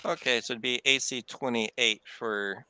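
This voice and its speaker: A man's voice: mid-range voice, fairly even intonation, a little slow, pushed and bright, a little hiss or hum. A man playing a tabletop game, double-checking numbers and rules with the game master. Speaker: player. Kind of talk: tabletop game play over voice chat.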